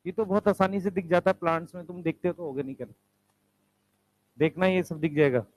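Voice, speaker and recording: A man's voice: high-pitched, fairly even intonation, brisk, darkish tone, rough recording. A male teacher giving a classroom lecture, explaining step by step, asking the students questions and calling them beta and bhai.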